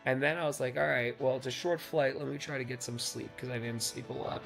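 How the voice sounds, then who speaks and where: A man's voice: medium pitch, fairly even intonation, quick pace, gravelly, fairly bright tone. A man narrating his travel vlog in a casual, joking, self-deprecating way. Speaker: vlogger recapping a fundraising tour. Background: background music.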